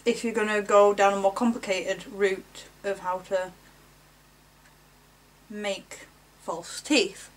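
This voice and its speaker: A woman's voice: mid-range voice, slight background noise. Woman with a slight lisp, rambling tutorial. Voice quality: slight lisp from wearing false teeth. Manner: rambling, unhurried, many fillers. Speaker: cosplay tutorial maker. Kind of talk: casual how-to talk.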